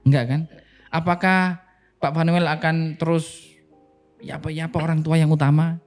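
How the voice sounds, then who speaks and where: A man's voice: on the high side, normal speed, soft background music. A man, a pastor telling stories casually on a podcast and acting out the dialogue. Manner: animated storyteller, acts out quoted dialogue.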